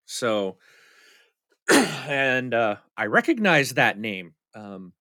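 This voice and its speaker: Chatty man with a bright voice. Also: mid-range voice, very animated, extremely slow, no echo. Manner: rambling, chatty storytelling with many fillers. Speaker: podcast co-host. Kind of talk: casual chat.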